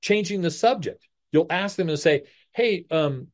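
Middle-aged male talk show host, blunt and opinionated, slightly high voice with a wide, lively pitch range. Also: a little slow. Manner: blunt, animated, acts out quoted voices. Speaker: guest host.

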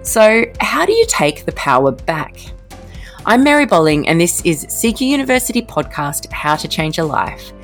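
A woman hosts and narrates a documentary-style podcast in a scripted, expressive delivery. Her voice is low but moves through a wide, lively range. Faint music sits beneath her narration. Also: moderate pace.

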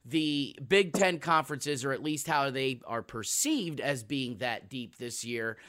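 A man's voice: medium pitch, unhurried, fairly bright tone, no room sound, studio quality. A man hosting a sports podcast in a casual, emphatic and jokey conversational way.

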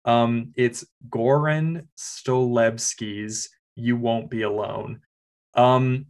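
A man co-hosting a podcast as a film critic, earnestly enthusiastic and halting with fillers. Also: medium pitch. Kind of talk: casual film review chat.

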